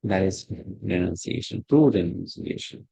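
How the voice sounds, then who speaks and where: A man teaching an online scripture class over a video call, his voice muffled as if heard through a wall, talking in halting phrases with many restarts. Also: low voice, vocal fry, dark tone, husky, dry recording. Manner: halting, with frequent restarts and fillers. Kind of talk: lecture with questions to students. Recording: dull, lo-fi, dry computer mic.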